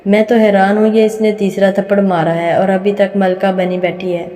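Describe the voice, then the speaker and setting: A jealous young dancing girl gossips bitterly about a rival, voiced by a woman storyteller. The tone is mellow and almost monotone. A roomy reverb trails each line. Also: mid-range voice, normal speed, close to an everyday voice. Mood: resentful. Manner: gossipy, whispering complaints. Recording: reverberant room.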